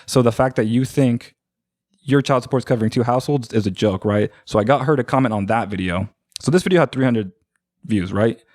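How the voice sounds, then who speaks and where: A man's voice: mid-range voice, fairly quick, darkish tone, no echo, clean studio sound. A man from Oregon, a marketing agency owner, talking as a podcast guest in a rambling, filler-heavy way that leans on "like" and "right?". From Oregon, USA. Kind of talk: casual podcast chat.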